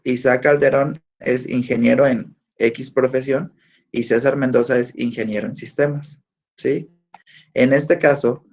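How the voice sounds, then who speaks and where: A man's voice: mid-range voice, creaky, a little mellow. A male teacher giving a lesson and questioning his students. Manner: slow, deliberate, asks students questions. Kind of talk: online class lecture. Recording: dull lo-fi audio.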